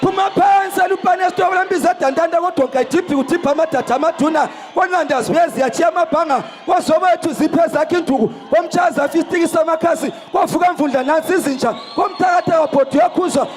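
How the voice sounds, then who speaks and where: A man reciting praise poetry in a forceful, declaiming manner, calling out lines in bursts. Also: extremely high pitch, quick pace, hardly any pauses, some chatter behind. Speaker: praise poet. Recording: echoey hall.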